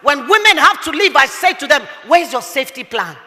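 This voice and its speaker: A middle-aged woman pastor, preaching fervently with rhetorical questions and shouted bursts. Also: high voice, sing-song, brisk. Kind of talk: sermon. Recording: echoey hall.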